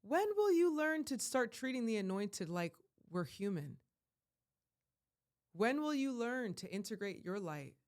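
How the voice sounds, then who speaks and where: A woman life coach giving an emphatic, rambling vlog monologue that surges to loud, heated peaks. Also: on the high side, big pitch swings, measured pace. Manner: rambling with frequent restarts.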